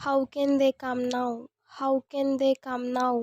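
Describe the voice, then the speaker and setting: A woman, teaching English as a language lesson, saying each sentence twice in a slow, deliberate way. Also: sits high, completely flat delivery, darkish tone, no echo, highs cut off.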